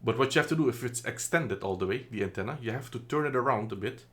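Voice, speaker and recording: A man from the Netherlands talks quickly in a mid-range, slightly bright voice while casually reviewing a product. He sounds chatty and unsure, peppering his speech with ums and fixing his own words. He's recorded on a phone camera inside.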